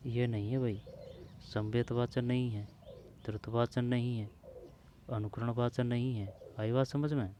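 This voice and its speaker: A man's voice: medium pitch, steady tone, measured pace, dark tone, slight background noise. A man working through old exam questions aloud, speaking informally to the listener and repeating the answer options as he checks them. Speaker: exam prep teacher.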